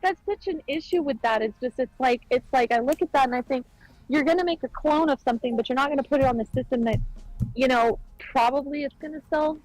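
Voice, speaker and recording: A woman's voice: high-pitched, fast, no echo, soft background music, poor audio. A woman co-hosting a gaming podcast over a remote call, rambling in casual chat with lots of fillers and restarts. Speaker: podcast co-host. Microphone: remote call-in mic.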